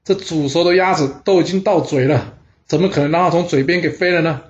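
A man telling a historical story in a lively, chatty way, with exclamations along the way. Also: on the high side, fast. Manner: lively, with interjections. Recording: dull lo-fi recording.

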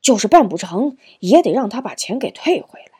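Woman narrator doing a blunt man, husky, low-key. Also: big pitch swings, brisk, dark tone, full character voice. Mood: plain. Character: middle-aged man, blunt and easily annoyed.

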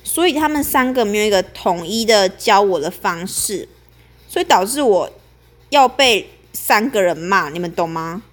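A woman's voice: mid-range voice, lively intonation, normal speed. A young woman, telling a story as a podcast host in a chatty, aggrieved way.

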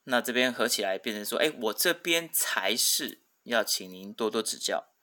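A man with a lowish, sharp-toned voice teaches vocabulary in a podcast lesson as a Japanese language teacher, speaking at a moderate pace with lively intonation. He is patient, repeats every word twice, and often opens sentences with a filler.

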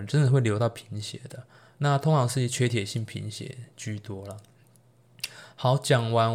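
A man with a Taiwanese Mandarin accent, a doctor hosting a solo health podcast, explaining medical topics in a casual, chatty way with playful jokes and asides. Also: lowish voice. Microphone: solo podcast recording.

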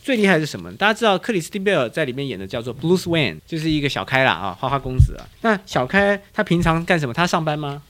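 Male host, 40s, Taiwanese Mandarin accent. Quick, animated and teacherly. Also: fairly high pitch. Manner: animated, teacherly, quizzes his guest. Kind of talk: casual show-and-tell chat.

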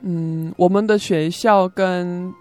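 A woman's voice: lowish voice, fairly even intonation, slow pace, darkish tone. A young woman from South Korea, a native Korean speaker, gives a personal testimony as a foreigner speaking Mandarin with a Korean accent, in simple, hesitant phrases with repeats. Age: young adult. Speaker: interview guest, student. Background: music.

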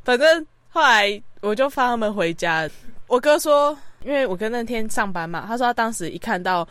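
A woman, co-hosting a podcast and telling a story in casual chat, animated and exasperated. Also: fairly high pitch, moderate pace, no room sound. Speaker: podcast co-host.

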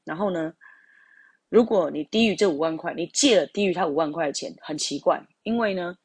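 A woman's voice: lowish voice, brisk, husky, dry recording. A woman telling a personal story in a casual, rambling way, full of fillers and asides to her listeners.

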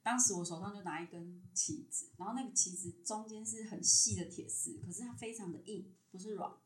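A woman's voice: medium pitch, brisk, reverberant. A woman telling a personal story in casual chat, acting out the lines of people in it. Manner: animated, acts out dialogue in her story. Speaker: podcast guest.

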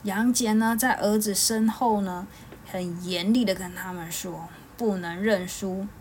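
A woman storyteller, reading a children's tale aloud in a lively way, stretching little particles between phrases. Her voice sits at an ordinary middle pitch. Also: a little hiss or hum. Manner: lively, with many drawn-out particles. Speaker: podcast storyteller.

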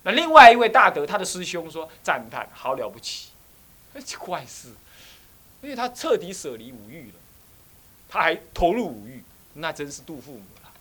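A man's voice: fairly high pitch, moderate pace, breathy edge. A middle-aged man from Taiwan, an abbot giving a Buddhist dharma talk, telling stories vividly, acting out scoldings and asking his listeners questions. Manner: animated storytelling, acts out scolding voices, asks the listeners questions.

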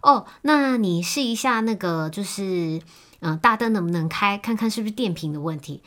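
A woman voicing a patient, practical young boyfriend who keeps giving calm instructions, in a raised voice. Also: medium pitch, moderate pace, lightly acted.

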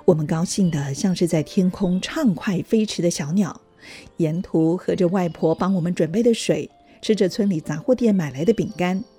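Husky-voiced woman storyteller. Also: lowish voice, normal speed, soft background music. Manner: gentle, even storytelling. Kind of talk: scripted storybook narration.

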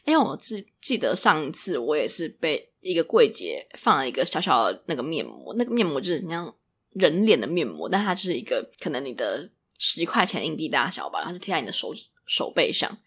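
Fast-talking woman with Taiwanese accent. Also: sits low, slightly rough. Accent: Taiwanese Mandarin. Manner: animated, mimics other people's voices in quotes. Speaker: podcast host. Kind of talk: casual solo storytelling.

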